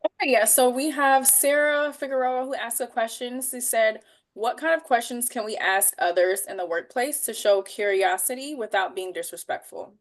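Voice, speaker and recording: A woman moderating a webinar panel. Her voice is fairly high as she reads out an audience question. She keeps it brisk and matter-of-fact, heard over a video call.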